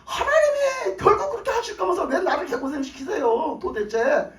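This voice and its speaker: A man voicing a sulky, resentful male prophet who grumbles and complains loudly, in an echoey hall. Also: sits high, fast, natural voice. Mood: complaining. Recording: echoey church hall from a distance.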